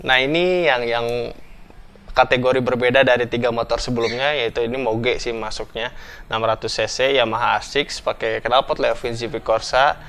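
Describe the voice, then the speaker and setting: A young man, explaining things in a relaxed, chatty vlog and thinking aloud as he goes. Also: mid-range voice, moderate pace, noisy background. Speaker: motorcycle vlogger.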